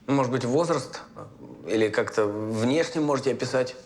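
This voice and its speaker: An actor playing a businesslike, curt police investigator in a period detective series. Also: male voice, medium pitch, normal speed, a little hiss or hum, lightly acted. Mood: probing. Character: brisk, official police investigator of tsarist times.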